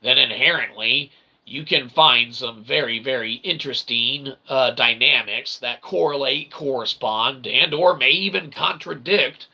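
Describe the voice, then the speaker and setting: Speaking a little slowly, this man has a creaky, bright, forceful mid-range voice with a slightly rough texture. He hosts his own channel and muses to camera in a jokey, rambling philosophical monologue, repeating himself in convoluted faux-formal language and swearing casually. Audio is poor, with noticeable background noise.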